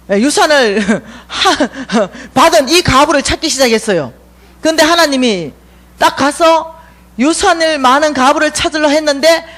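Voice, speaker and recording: A woman's voice: high-pitched, fairly bright tone. A woman giving a revival lecture at a church, acting out the dialogue between God and Elijah.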